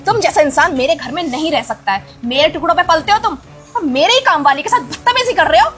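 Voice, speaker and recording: A woman's voice: sits high, expressive, fast, fairly bright tone, faint music behind. A woman playing a stern, indignant rich wife. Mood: furious. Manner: scolding, commanding, indignant. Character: wealthy wife and employer, stern and protective. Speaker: lady of the house. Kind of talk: social-media melodrama acting.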